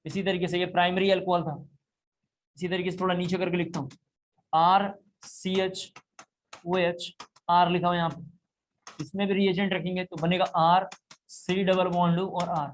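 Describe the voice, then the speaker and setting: A man's voice: sits high, flat delivery, normal speed, long pauses, slight background noise. A man teaching a chemistry class, explaining step by step and repeating key points. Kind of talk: classroom lecture.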